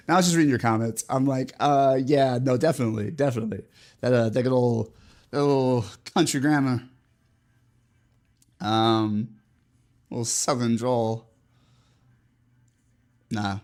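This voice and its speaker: A man's voice: medium pitch, a little mellow. A man with a Midwestern American accent, chatting casually with his stream's chat, rambling with lots of fillers and frequent laughs.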